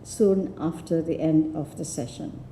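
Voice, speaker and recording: Slow, measured woman in an echoey room. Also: sits low, fairly even intonation, dark tone, a little hiss or hum. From Philippines. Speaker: forum speaker. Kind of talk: formal tribute speech. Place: university lecture room.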